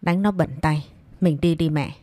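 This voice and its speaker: A young adult daughter confronts her family with cutting indignation, as a woman reader plays her. The voice is low and mellow, recorded dry. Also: fairly even intonation, moderate pace, no echo, lightly acted. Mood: indignant.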